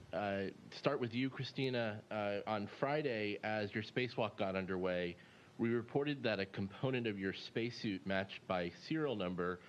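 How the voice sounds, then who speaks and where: A man working as a reporter, putting formal, halting questions at a press conference. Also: lowish voice. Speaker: space news reporter. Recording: dull, slightly noisy feed.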